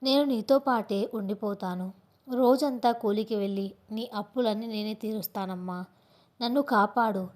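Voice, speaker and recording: A woman narrator gives voice to a terrified young girl in a storybook tale. She pleads in a tearful, desperate rush at a middling pitch. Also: moderate pace, darkish tone, natural voice. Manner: desperate, pleading, breathless run-on speech.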